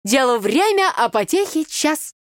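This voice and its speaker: A woman's voice: sits high, sing-song, unhurried, dry recording, studio quality, voice pushed up. A woman voicing a brash, chatty village girl who speaks in folk sayings. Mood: boisterous. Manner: brash, loud, chattering in proverbs.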